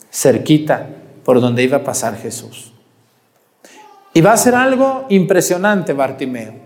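Animated high-voiced preacher in a hall. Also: male voice. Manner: asks the congregation questions and answers them himself, animated. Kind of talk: sermon.

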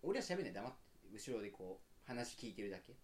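Guy rambling thru a story fast, voice jumping all over, acts out the quotes. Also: on the low side. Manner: animated storyteller, acts out quoted lines, laughs often. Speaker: podcast co-host. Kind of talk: casual storytelling chat.

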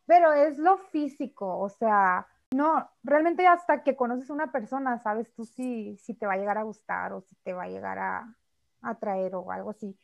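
A chatty woman with a Mexican Spanish accent and a high voice, talking casually and acting out little quoted lines as she goes. The audio sounds slightly dull and lo-fi. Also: moderate pace, gravelly. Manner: chatty, frequent fillers, mimics quoted speech. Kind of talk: casual chat.

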